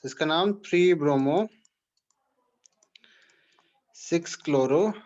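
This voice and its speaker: A man's voice: a little high, takes it slowly, darkish tone, highs cut off. Man explaining chemistry step by step. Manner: explains step by step, asks students questions. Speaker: chemistry teacher. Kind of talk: classroom lecture.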